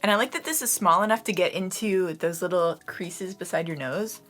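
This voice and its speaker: Slightly hoarse, chatty woman beauty vlogger. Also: fairly low pitch, normal speed, fairly bright tone, faint music behind. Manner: chatty, addresses viewers as "you guys", frequent "like" fillers. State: slightly hoarse, losing her voice. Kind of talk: casual product review and demo.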